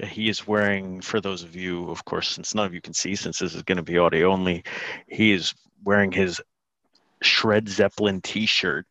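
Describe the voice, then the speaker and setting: A man with a fairly low voice hosts a podcast in a relaxed, rambling way, full of "um" and "you know". The sound is dry and close, with no room around it. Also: no room sound. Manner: laid-back, rambling with many fillers. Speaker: podcast host. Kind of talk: casual podcast chat.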